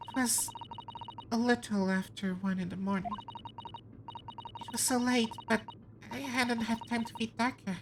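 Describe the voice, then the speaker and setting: A woman voicing a timid, frightened young woman suspect, speaking softly and haltingly in a higher voice. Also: fairly even intonation, noisy background. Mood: confessing. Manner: hushed, faltering.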